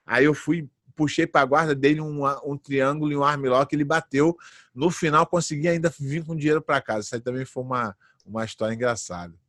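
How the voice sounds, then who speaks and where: A man near forty recounts his fights in a relaxed interview, acting out the voices of people in his stories. His voice sits a bit high for a man. The sound is dry and close, with no room around it. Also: fairly quick, dry recording. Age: late 30s. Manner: animated anecdotes, acts out quoted voices. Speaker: guest, jiu-jitsu fighter. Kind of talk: casual storytelling interview.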